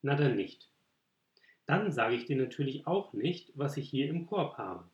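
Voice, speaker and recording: A man voicing a kindly, gently coaxing older man in a storybook reading, asking friendly questions. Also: medium pitch, very animated, a little slow, muffled recording. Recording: roomy echo.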